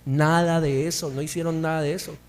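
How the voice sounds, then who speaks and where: High-voiced man preaching a fervent sermon. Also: fairly even intonation, a little fast, a little hiss or hum. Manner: preaching with rising, emphatic bursts. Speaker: pastor. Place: church hall.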